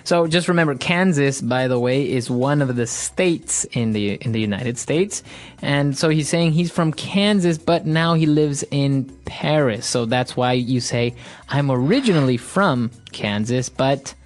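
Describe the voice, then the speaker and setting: A man's voice: mid-range voice, expressive, measured pace. A man from Ecuador hosting an English lesson podcast, explaining phrases with everyday examples. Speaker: podcast host, English teacher.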